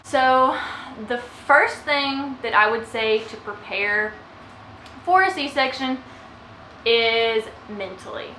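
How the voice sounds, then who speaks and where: Bright-voiced young woman in echoey room. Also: fairly high pitch, takes it slowly, a little hiss or hum. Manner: emotional, tearful at times. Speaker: vlogger. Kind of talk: casual storytelling to camera. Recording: echoey room with faint ambience.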